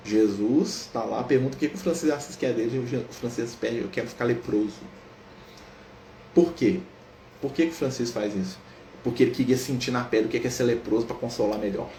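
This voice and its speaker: A man leads a spiritist study group, narrating a saint's life at a fast clip. He keeps checking in with "né?" and slips into the characters' voices for their dialogue. The room is echoey, with a faint hiss behind him. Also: mid-range voice, dark tone. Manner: storytelling, frequent "né?" tags, acts out dialogue. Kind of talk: informal spiritual lecture.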